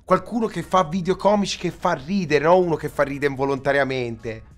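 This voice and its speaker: A man's voice: fairly high pitch, a little fast. A man in his thirties giving casual live reaction commentary as a streamer, bemused and complaining, close to the mic. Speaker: streamer and host. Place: small indoor streaming room.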